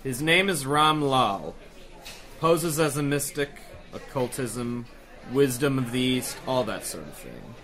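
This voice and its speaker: Speaking slowly and expressively at medium pitch, an actor voices a self-assured, brisk police commissioner in 1930s radio-drama style. The man's tone is fairly bright.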